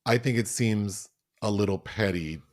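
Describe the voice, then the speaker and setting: This man's voice is fairly low and a touch slow, recorded cleanly in a studio with no echo. As a podcast co-host, he chats casually through a film review, full of fillers and restarts.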